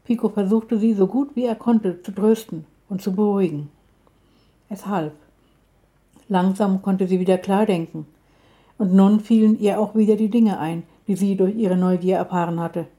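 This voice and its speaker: A woman with a mid-range voice reads a children's story aloud, keeping a calm, measured storytelling manner.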